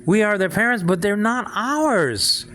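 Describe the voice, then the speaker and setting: 60 yr old guy talking faith, high voice that swoops around a lot, stumbles and repeats, faint noise behind. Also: animated, pushed and bright. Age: 60s. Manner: halting, repeats words, checks in with listeners. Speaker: father speaking on faith. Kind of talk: informal religious talk.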